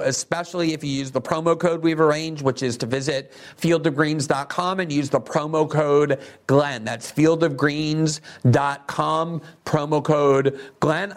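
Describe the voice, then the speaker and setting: The host of a political interview show reads a sponsor spot and asks long, winding questions in an earnest manner. His voice is fairly high in pitch.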